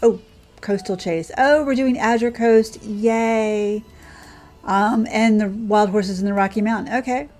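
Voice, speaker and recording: Speaking a little slowly in a medium-pitched, darkish voice, this female streamer hosts a casual livestream, talking conversationally and thinking out loud as she games. Background game music runs under her voice throughout.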